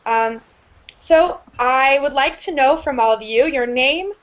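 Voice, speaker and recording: A young woman teaching an online English class over a video call with earbuds, explaining clearly and upbeat. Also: high voice, measured pace. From United States. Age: young adult. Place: small room indoors. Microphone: earbud headset on a video call.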